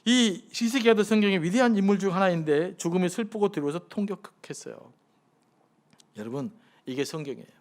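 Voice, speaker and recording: A man with a high voice preaches to his congregation in an easy, conversational way. He asks them question after question. When he acts out a prayer, his voice drops to a soft, pleading hush. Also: fast. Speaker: pastor. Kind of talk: sermon at a midweek prayer service.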